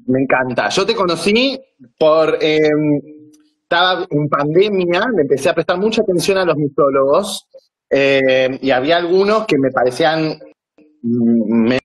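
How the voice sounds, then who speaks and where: Argentine guy, kinda husky, campy and teasing, chatting on a video call. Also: on the high side, animated, moderate pace. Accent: Argentine Spanish. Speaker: comedian guest on a live stream. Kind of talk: casual live-stream chat.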